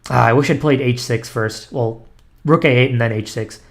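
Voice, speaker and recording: With a creaky, mid-range voice at a moderate pace, a young chess streamer mutters through a fast online game. He restarts sentences, drops frequent ums, and makes wry digs at himself.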